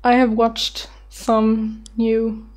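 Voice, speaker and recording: A woman's voice: on the high side, completely flat delivery, drawn-out words, darkish tone. A woman in her twenties answering viewer questions on a webcam, rambling and self-deprecating, giggling and swearing casually. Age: 20s. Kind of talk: casual chat.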